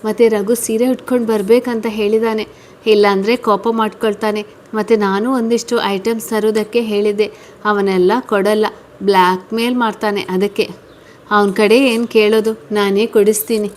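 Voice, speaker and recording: A woman's voice: medium pitch, little pitch movement, moderate pace, a little hiss or hum, natural voice. A woman voicing a shy, stubborn young wife in a read-aloud story. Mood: insistent. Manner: pleading then scolding, stubborn. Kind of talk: storybook reading.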